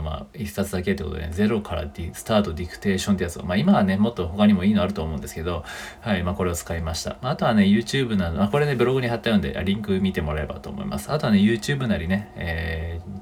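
A man from Japan talks quickly through a casual solo podcast, working through his own blog with lots of fillers and chatty asides. His voice is somewhat low and a little husky. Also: a little mellow. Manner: chatty, many fillers and tag particles. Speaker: podcast host.

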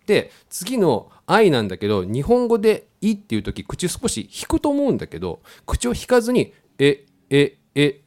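A man's voice: high voice, wildly swooping pitch, fairly quick, few pauses, a little mellow. A man teaching English pronunciation in a casual lesson, repeating words to demonstrate the sounds. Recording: faint background music.

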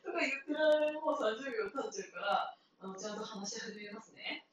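A woman's voice: a little high, expressive, brisk. Woman, 30s, solo podcaster, rambling and laughing, distant mic, heavy room echo. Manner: chatty and rambling, often laughing. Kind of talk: casual solo talk. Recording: very echoey room, far from the mic, with noisy background.

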